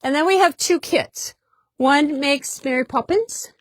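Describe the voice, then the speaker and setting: A woman's voice: high-pitched, a little slow, no echo, clean studio sound. A woman hosting a casual product demonstration in a fabric shop, chatty and upbeat, often repeating herself.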